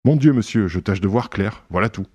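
A man reading an audiobook, voicing a calm chevalier who lectures on a crime with slightly dogmatic assurance. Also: on the low side, fairly quick, breathy edge, no room sound, lo-fi sound. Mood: assured. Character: suave self-assured gentleman sleuth, Italian chevalier. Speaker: reader voicing a character.

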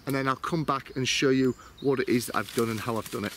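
A man's voice: medium pitch, quick pace, a bit bright, slight background noise. A man in his forties, a bushcraft vlogger, chatting to camera in a casual, self-mocking way as he explains his kit outdoors in a woodland.

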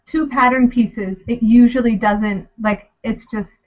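A woman's voice: a little high, steady tone, a little slow, muffled recording. A woman co-hosting a live Q&A in a casual video chat, bubbly and rambling with lots of fillers, heard through a computer mic. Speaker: co-host of a live Q&A.

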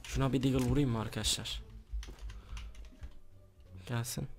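A man's voice: mid-range voice, normal speed, vocal fry. A man commentating his online shooter game for viewers, teasing an opponent and reading out what he types. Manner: excited, teasing, talks to viewers while typing chat. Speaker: gaming YouTuber. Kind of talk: casual gameplay commentary.

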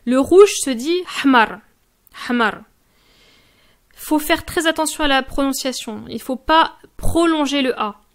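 A woman teaching Moroccan Arabic pronunciation, saying each word slowly and repeating it, and speaking to the viewer in a friendly, informal way. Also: sits high. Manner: slow, careful drilling of words with repeated examples. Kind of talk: pronunciation lesson addressed to the viewer.

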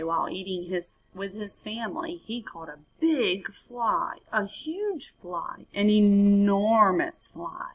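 Recording at home on a computer microphone, a storybook reader in her thirties gives an expressive reading of a children's tale indoors. Her voice sits at a medium pitch, and the recording quality is low.

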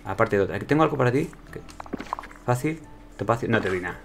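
Gravelly Spain-accented man commenting on a game. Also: lowish voice, expressive, fast talker, faint music behind. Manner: chatty, talks to himself while playing. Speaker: gameplay commentator. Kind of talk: casual gameplay commentary.

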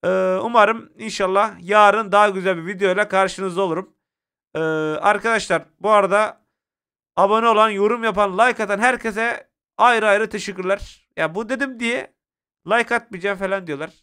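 A man with a Turkish accent giving excitable live commentary while playing a mobile shooter and talking to his viewers. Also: high-pitched, normal speed, clean tone. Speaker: mobile game streamer.

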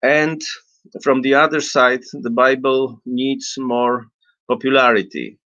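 A man in his fifties explains things off the cuff in non-native English. He speaks slowly and haltingly at a medium pitch, searching for words. The webcam recording is dull and lo-fi, with little room echo. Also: steady tone, pushed and bright. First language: not English. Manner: halting, hesitant, searching for words, frequent throat-clearing. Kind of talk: unscripted explanatory talk. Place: small indoor room with bookshelves.

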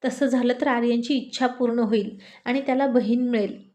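A woman plays a cheerful wife who teases and coaxes her husband. Her voice sits fairly high and sounds bubbly. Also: fairly even intonation, normal speed, a little mellow, lightly acted. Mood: bubbly, teasing. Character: cheerful, teasing young wife.

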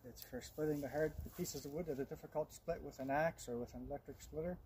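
A man's voice: a little high, fast, a little mellow. A man casually demonstrating a homemade woodworking jig outdoors in his backyard, talking plainly and matter-of-factly with small restarts. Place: backyard outdoors beside a woodshed. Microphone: camera on a tripod a few meters away. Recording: noisy outdoor camera audio.

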